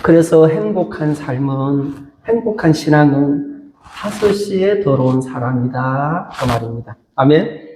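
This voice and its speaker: A male pastor preaching a sermon. He is animated, puts questions to the congregation and laughs often. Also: fairly high pitch, measured pace, slight background noise. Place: church sanctuary. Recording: echoey church hall.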